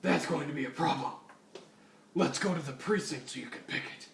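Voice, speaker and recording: A man's voice: on the high side, brisk, creaky, echoey room. Man voicing a blunt male vigilante hero, cursing, distant mic, faint hiss. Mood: resigned. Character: gruff male crime-fighting vigilante hero.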